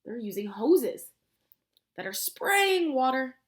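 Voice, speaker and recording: This high-pitched American woman, a preschool teacher, reads slowly from a picture book. Her language is simple and expressive, and she keeps prompting the little ones with questions.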